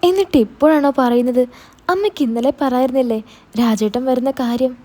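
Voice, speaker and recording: A woman's voice: high-pitched, a little fast, warm tone. A woman voicing a scheming young man who bosses his sister and dodges his mother, talking in a casual, teasing way. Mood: defensive. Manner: casual, bossy, teasing talk.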